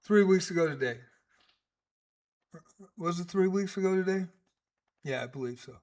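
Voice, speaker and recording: A man's voice: high-pitched, expressive, moderate pace, darkish tone. A man in his sixties giving casual live-stream chess commentary, chatty and rambling with many fillers. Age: 60s.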